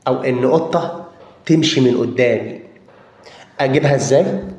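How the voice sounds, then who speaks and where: An Egyptian-accented man giving a grammar lesson in a middle-pitched voice, recorded with a roomy echo. He works through each point slowly, repeats words as he searches for the next one, and keeps asking his listeners whether they follow. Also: darkish tone. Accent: Egyptian Arabic. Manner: explains step by step, checks in with listeners often; drawn-out hesitations and repeated words while thinking. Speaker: German language teacher. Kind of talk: explanatory lesson.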